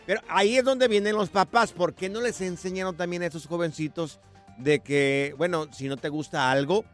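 A man's voice: sits high, normal speed, soft background music. A man co-hosting a comedic radio show, joking and teasing his co-hosts in casual banter. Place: Los Angeles radio studio.

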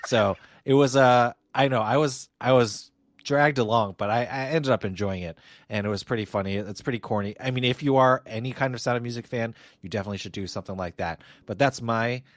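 A man co-hosting a podcast in casual chat, chatty and self-deprecating, cutting in with quick remarks. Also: mid-range voice, no room sound, clean studio sound. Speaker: podcast co-host.

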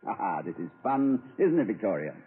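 An actor playing a whimsical, pompous middle-aged college president, talking in playful, flowery phrases in a 1940s radio comedy. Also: male voice, lowish voice, sing-song, fairly quick, husky. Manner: grandiloquent, playful, poetic flourishes. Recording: tinny old radio broadcast.

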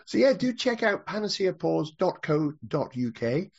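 A man's voice: on the high side, sing-song, normal speed, creaky, darkish tone, dull audio. A man hosting a podcast interview, friendly and a little hesitant, often repeating words. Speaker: podcast host.

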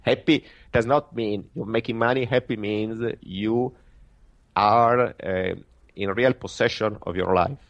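A man from Italy with an Italian accent, a guest trader answering interview questions haltingly, with many fillers and restarts. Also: lowish voice, steady tone, muffled recording.

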